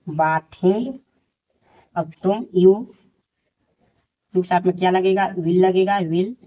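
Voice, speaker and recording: Man, teacher, grammar lesson, word-by-word dictation, unhurried, muffled lo-fi audio. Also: high-pitched, steady tone. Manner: slow, repeats each word as if dictating. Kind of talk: slow Hindi grammar lesson, dictating sentences. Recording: dull lo-fi sound.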